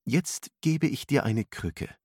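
A man voicing a calm female mentor who gives firm, encouraging instructions, read as part of a storybook narration. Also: mid-range voice, takes it slowly, breathy edge, no room sound, clean studio sound, voice pushed up. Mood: instructive. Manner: instructive, commanding.

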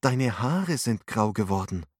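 A man's voice: lowish voice, animated, a little slow, breathy edge, no room sound, studio quality. A man voicing a patient, caring woman who guides and soothes, in an audiobook. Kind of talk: audiobook narration.

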